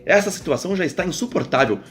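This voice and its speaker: A man reading aloud, voicing a poised adult woman mentor who speaks calmly and insistently. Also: high-pitched, fast, faint music behind. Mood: serious. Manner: calm, teasing, insistent.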